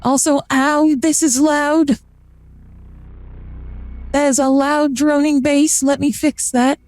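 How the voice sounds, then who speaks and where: High feminine voice through a voice changer. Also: little pitch movement, takes it slowly, a little mellow, dry recording. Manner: chatty and rambling, many fillers. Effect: voice changer making the voice sound feminine. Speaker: VTuber streamer. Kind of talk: casual gameplay chat.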